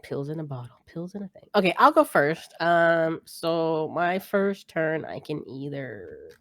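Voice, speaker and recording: A woman with a notably deep voice chats casually during a board game night, asking rule questions and laughing easily. The sound is dry and close. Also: sing-song, measured pace, no room sound. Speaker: co-host player.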